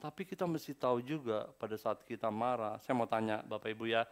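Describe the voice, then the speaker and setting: A man preaching a sermon in a church service, acting out quoted people and swinging between low asides and loud exclamations. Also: brisk, clear, resonant tone. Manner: playful, acts out quoted people. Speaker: pastor.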